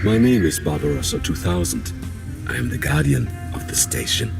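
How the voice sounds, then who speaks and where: Calm deep computer guarding a station, formal canned lines, gravelly, game music behind. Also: male voice, normal speed, exaggerated voice. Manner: flat, formal, repetitive machine announcements. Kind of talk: video game voice acting.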